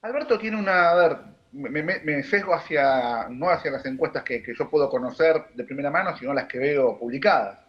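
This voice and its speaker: A man with a Rioplatense Argentine accent, a political analyst giving measured, analytical answers on a panel, with frequent fillers and restarts. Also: a little high, muffled recording. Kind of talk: broadcast panel discussion.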